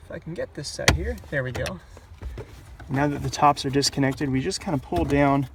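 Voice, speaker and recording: In a slightly high voice at a moderate pace, a man demonstrates a hands-on installation on a car dashboard, talking through each step in simple, casual terms. The audio carries heavy background noise.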